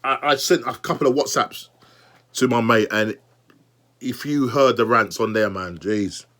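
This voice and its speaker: A young man reviewing a football match as a fan, exasperated and animated, repeating himself and talking straight to the manager. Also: mid-range voice, a little slow. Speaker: football fan channel host.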